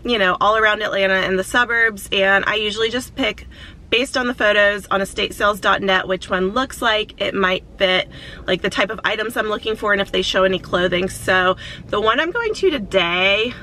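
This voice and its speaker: Casual woman vlogger, morning voice, crisp bright sound. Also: medium pitch, normal speed, slight background noise, rough recording. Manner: chatty, lots of "like" fillers. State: morning voice, just woke up. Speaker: vlogger, reseller. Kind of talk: casual vlog chat. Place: Atlanta area.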